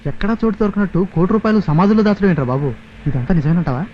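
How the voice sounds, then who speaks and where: A gullible, exasperated treasure hunter. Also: male voice, sits high, lively intonation, very fast, highs cut off, slight background noise. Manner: exasperated, questioning. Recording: film soundtrack with music.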